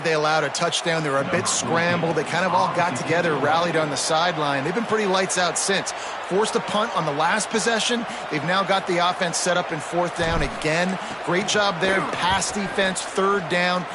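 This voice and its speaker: Higher-voiced American man, noisy football commentary. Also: moderate pace, over a noisy crowd. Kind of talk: game analysis commentary. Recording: very noisy stadium background.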